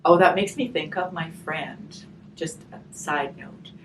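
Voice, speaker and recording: Pausing often for friendly questions to the children listening, a woman with a low voice reads a picture book aloud in a slow, expressive way. She volunteers at a hospice, and the recording is distant with a little background noise.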